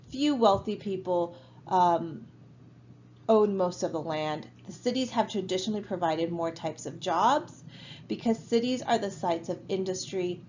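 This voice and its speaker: A woman's voice: lowish voice, a little mellow, highs cut off, a little hiss or hum. A woman teaching a college geography class in a recorded online lecture, talking casually with many fillers and tag questions. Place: home.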